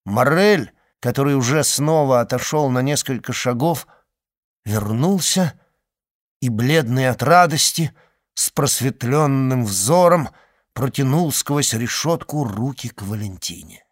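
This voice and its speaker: Man narrating a classic novel. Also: medium pitch. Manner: measured, expressive literary reading. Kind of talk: audiobook narration.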